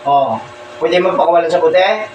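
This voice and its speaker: In a healing ritual, a man acting as a folk healer keeps repeating short, insistent questions at someone. His voice is a little high, his speed normal, and the audio dull. Echo, distance, and loud ambient noise fill the recording.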